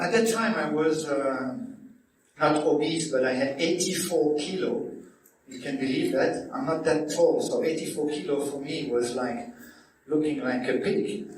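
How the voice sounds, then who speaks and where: A man from Belgium with a French accent, a nutrition coach giving a friendly, halting talk to a club audience. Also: fairly high pitch, a little hiss or hum. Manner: friendly, hesitant, with many fillers. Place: hotel function room. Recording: echoey room, distant mic.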